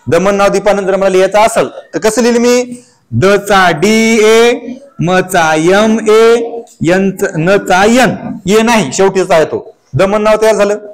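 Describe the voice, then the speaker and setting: A male teacher, taking a class through a lesson, asking questions and chanting letters aloud. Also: sits high. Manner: call-and-response questioning of pupils.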